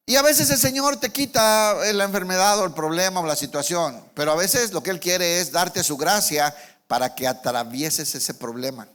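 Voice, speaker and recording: A man's voice: a little high, fairly bright tone. A male pastor preaching a sermon in church, with emphatic, repetitive phrasing and rhetorical questions to the congregation.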